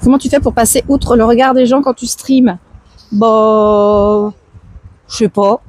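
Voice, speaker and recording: A woman with a hoarse, tired voice, chatting casually and answering viewers on an outdoor livestream. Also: on the high side, flat delivery, a little slow, darkish tone, no echo. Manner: chatty, slangy, reads out and answers chat. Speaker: live streamer chatting with viewers. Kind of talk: casual chat, IRL livestream. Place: outdoors, walking through town streets.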